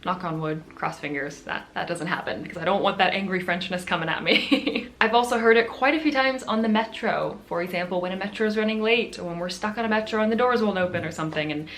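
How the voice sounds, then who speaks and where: A woman's voice: on the low side, quick pace, hardly any pauses, a bit bright. An American woman vlogger chatting to camera, laughing often and poking fun at herself. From United States. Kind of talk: casual chat to camera.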